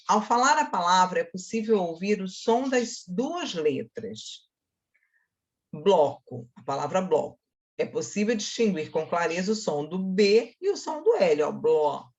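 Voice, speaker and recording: A woman teacher with a Brazilian accent giving a grammar lesson to schoolchildren, talking straight to her pupils and slowly sounding out syllables. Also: mid-range voice, highs cut off. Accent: Brazilian Portuguese. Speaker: Portuguese teacher.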